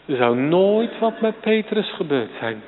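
A slow-speaking male preacher with a fairly high voice delivers a sermon, swinging between hushed passages and sudden loud, emphatic peaks. He addresses the congregation and the children directly. The sound is thin and phone-like, with a long church reverb trailing behind. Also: sing-song, a little hiss or hum. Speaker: pastor.

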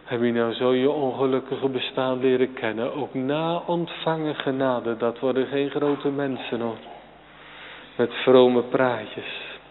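Slow, echoing preacher on a tinny line. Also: male voice, mid-range voice, steady tone, a little hiss or hum. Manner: emphatic, swings from quiet to sudden loud peaks; addresses congregation and children directly. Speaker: pastor. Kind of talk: sermon. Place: church. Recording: tinny phone-like sound, long church reverb.

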